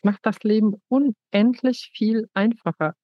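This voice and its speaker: A woman's voice: fairly high pitch, fairly even intonation, unhurried, no room sound, lo-fi sound. A woman speaking frankly and decisively in a casual interview conversation.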